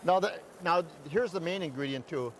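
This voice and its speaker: A man's voice: fairly high pitch, animated, moderate pace, a little hiss or hum. A man from Wisconsin hosting a cooking show in a big indoor station hall, chatty and eager, often stumbling over repeated words.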